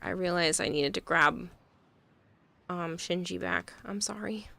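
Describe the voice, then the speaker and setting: Gravelly, bright-voiced woman streamer. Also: on the low side, unhurried. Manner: rambling, chatty, filler-heavy. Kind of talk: casual livestream chat.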